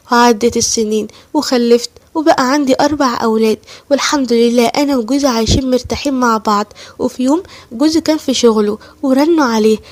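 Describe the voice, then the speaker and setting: Fast Egyptian woman telling her story. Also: high voice, darkish tone. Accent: Egyptian Arabic. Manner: plain confiding retelling. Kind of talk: first-person story narration.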